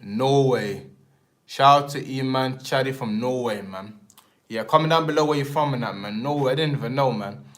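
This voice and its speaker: A young Englishman hosts a casual live stream, rambling along in slang with an English accent and tacking filler tags like "man" and "and that" onto his sentences. His mid-range voice is fairly bright and moves at a normal speed.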